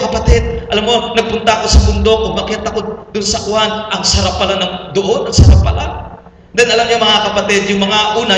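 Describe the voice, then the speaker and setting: A middle-aged man with a Filipino accent preaches in a high voice, talking the congregation through a personal testimony. His voice rings through a big echoing hall and is picked up from well away from the mic, with a faint room hum underneath. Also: a bit bright. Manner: storytelling testimony, addresses listeners as brothers and sisters. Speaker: pastor. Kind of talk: sermon. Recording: echoey hall, voice from far off, faint room noise.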